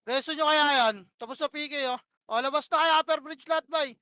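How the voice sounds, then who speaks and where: Brisk and sharp-toned, a high-voiced woman barks short, repeated commands at her team in an online game, cursing and bossing them around as she calls plays live. There's no room sound.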